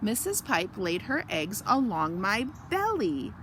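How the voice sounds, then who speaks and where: A woman voicing a proud, contented father fish in a picture story, giving chipper, unhurried replies. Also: mid-range voice, sing-song, fairly bright tone, a little hiss or hum.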